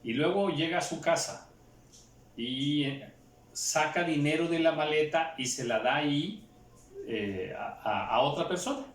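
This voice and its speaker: A man preaching a Bible teaching, asking and answering his own questions, halting with fillers. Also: a little high. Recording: roomy echo, far from mic, faint ambience.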